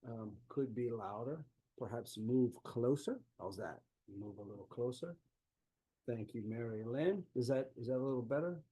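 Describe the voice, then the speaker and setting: Speaking through a laptop microphone on a video call, a man with a South Louisiana accent gives a folksy, easygoing talk as an author and historian, like a conversational remote lecture. His voice is medium-pitched, mellow, and husky, at a normal speed. The audio is poor.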